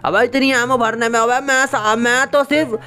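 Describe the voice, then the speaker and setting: A man voicing a brash, hot-tempered cartoon cat who swaggers, bosses people around and shouts slangy threats over gameplay. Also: extremely high pitch, steady tone, normal speed, pitched above the performer's own voice. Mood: boastful.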